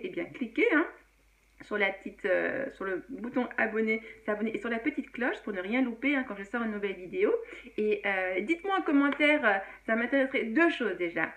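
A woman's voice: fairly high pitch, a little fast, fairly bright tone. A woman teaching English in a casual video lesson, chatty with many fillers and frequent laughs.

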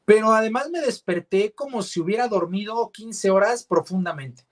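A man's voice: sits high, normal speed. A man, a radio announcer and guest on an interview show, telling a personal story in a reflective, hesitant way with many fillers and restarts. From Mexico.

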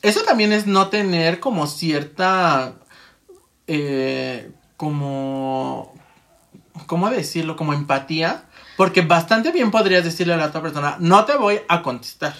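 In a casual chat, someone with a medium-pitched, slightly bright voice rambles along, acting out their own inner monologue and laughing often. Their delivery is animated and a little slow.

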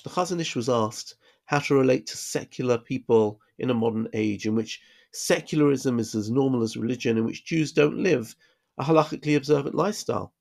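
A man's voice: medium pitch, gravelly, darkish tone. A man giving a casual Bible study lesson, reading Hebrew verses aloud and explaining them in plain English. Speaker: Bible teacher.

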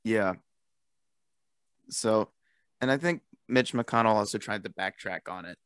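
A young man on a casual political chat podcast. He talks in a low, loose and chatty way, fills his sentences with "like" and often laughs. The sound is dry and close. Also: a bit bright, smooth, dry recording. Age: young adult. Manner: chatty, peppered with "like", quick to laugh. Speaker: podcast co-host.

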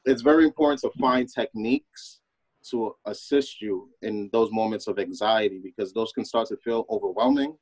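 Male host, conversational and informal, somewhat low voice, dry close sound, repeats words for emphasis. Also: animated, moderate pace, creaky, husky, dry recording, poor audio. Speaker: podcast host. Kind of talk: casual conversational hosting.

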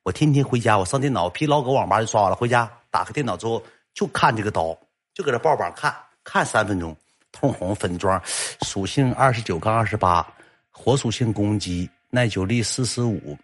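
A young man telling a comic story, lively and animated, acting out the quoted lines. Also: on the low side, brisk.

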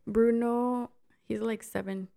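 A woman with a Chicano accent speaks in a relaxed conversational way, slipping between Spanish and English. Her voice sits a little high and has a lot of vocal fry. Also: takes it slowly. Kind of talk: casual chat, switching between Spanish and English.

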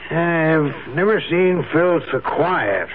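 In a 1970s radio drama, an actor plays a genial, proud old wealthy father-in-law, jovial and ceremonious. His voice is a little high and slow with lively intonation, and the dull lo-fi recording carries hiss.

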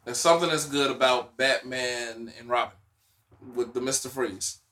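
A man with a Southern US accent co-hosting a podcast in casual chat, animated, laughing often and saying "bruh". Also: medium pitch, normal speed. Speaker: podcast co-host.

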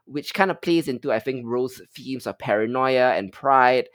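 A man with a middle-pitched voice lays out a film's premise in a measured way, often pausing on "um" between phrases. The sound is dry and close. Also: no room sound. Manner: measured, summarizing with frequent "um". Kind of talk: film review summary.

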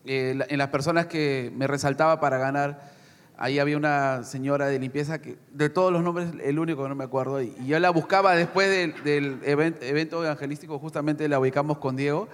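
A man who went on a mission trip, sharing a testimony and exhorting the congregation, lively with some hesitations. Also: on the high side, a little fast, clear, resonant tone. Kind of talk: church testimony and short reflection. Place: church hall. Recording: long hall reverb.

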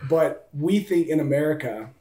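A man's voice: a little high, expressive, moderate pace, mellow. A man hosting a casual interview, thoughtful and conversational. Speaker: host. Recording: echoey room, distant from the mic.

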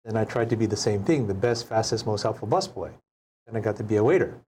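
Unhurried man in his sixties, from Hawaii. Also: fairly low pitch, darkish tone, a little hiss or hum. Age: 60s. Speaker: chef and restaurant owner guest. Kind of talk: casual interview storytelling. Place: TV studio.

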